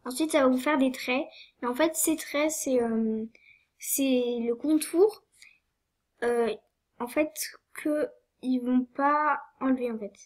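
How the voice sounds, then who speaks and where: A woman's voice: high-pitched, takes it slowly, pauses often. A young woman with a cold walks through a tutorial, hesitant, with many fillers and apologies. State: sniffly with a cold. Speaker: tutorial maker. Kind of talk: screen-recorded game tutorial.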